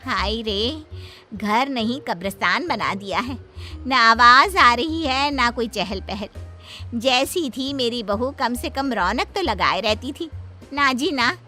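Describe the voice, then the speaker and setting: A woman voicing a gossipy, lamenting middle-aged mother-in-law in an animated story. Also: fairly high pitch, slow, soft background music, full character voice.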